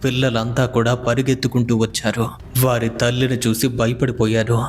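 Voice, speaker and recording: A medium-pitched male voice tells a scripted horror story at a steady, even storytelling pace, with faint music playing underneath.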